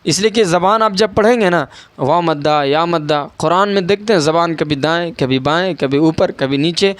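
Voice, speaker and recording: High, clear-voiced man teaching Qaida reading. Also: no echo. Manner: patient, spells letters out slowly and repeats. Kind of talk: online Qaida reading lesson.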